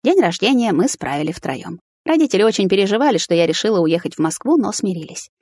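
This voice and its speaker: A woman's voice: mid-range voice, big pitch swings, fast, a little mellow, dry recording. A woman narrating a first-person audiobook in an emotional, confessional tone, close to the mic.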